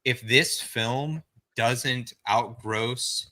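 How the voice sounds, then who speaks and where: Brief: male podcast guest, bright forward tone, filler-heavy quick arguing. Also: mid-range voice. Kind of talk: casual podcast chat.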